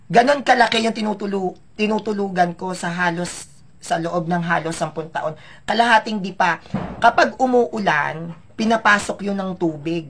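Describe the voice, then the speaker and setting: Man, casual vlogger, gravelly texture, chatty and emotional, speaks straight to viewers. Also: sits high, moderate pace, a bit bright, slight background noise. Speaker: vlogger telling his life story. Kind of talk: casual personal storytelling.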